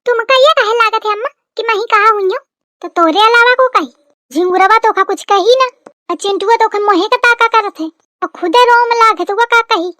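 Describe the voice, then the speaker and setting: एक cartoon comedy की कानपुरी देहाती लहजे वाली, हर बात पर बहू पर इल्ज़ाम लगाने वाली बुज़ुर्ग सास, जिसे एक महिला निभा रही है। सुर ऊँचा है और रिकॉर्डिंग सूखी, पास की।. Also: female voice, very high-pitched, normal speed, bright, forceful tone, no echo, clean studio sound. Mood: accusing. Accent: Kanpuri rural Hindi. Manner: accusing, interrogating. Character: nagging older village mother-in-law.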